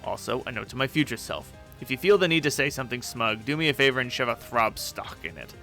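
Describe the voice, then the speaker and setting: A man performs a grumpy teenage troll leader who bosses everyone around, ranting and swearing in exasperation. His medium-pitched voice is bright, tense and gravelly, expressive and quick, with faint music playing behind him.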